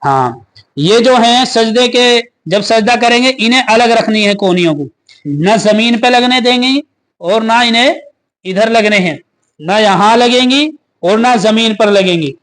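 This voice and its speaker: A man teaches the steps of prayer. His voice sits high and he talks slowly and deliberately. He recites verses with long pauses between phrases. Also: expressive, a bit bright. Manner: asks questions and answers them himself, recites slowly with pauses. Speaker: religious teacher. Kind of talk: step-by-step prayer lesson.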